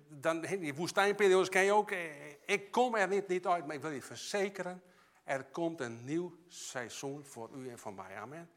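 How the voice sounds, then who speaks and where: A man preaching a sermon, emphatic and passionate, often repeating and restarting his phrases. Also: high voice. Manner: emphatic, rising to loud passionate peaks.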